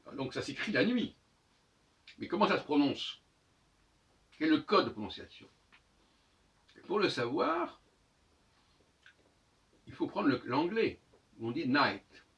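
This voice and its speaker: A man lectures in a lively, rising-and-falling voice, sounding out each word several times. He is caught by a mic set a fair distance off, and the audio is dull and muffled. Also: fairly high pitch, a little slow, long pauses. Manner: didactic, repeats words to sound them out. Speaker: lecturer on language and astrology. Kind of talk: spoken monologue lesson.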